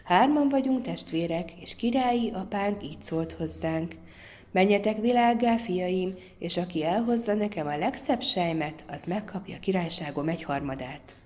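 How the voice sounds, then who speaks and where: A woman's voice: fairly low pitch, darkish tone, lightly acted. A woman voicing an impatient young prince in a fairy tale. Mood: resigned.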